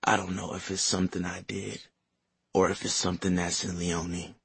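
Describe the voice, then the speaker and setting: A man voicing a frail, dying grandmother who speaks softly and tenderly through pain. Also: deep voice, level tone, moderate pace, no room sound, heavily acted. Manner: soft, breathy, pained.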